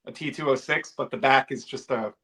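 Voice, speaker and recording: A man co-hosting a casual podcast in a middle-pitched voice. He talks in a halting way, filling gaps with "uh" as he goes. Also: a bit bright. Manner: hesitant, many "uh"s. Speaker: podcast co-host.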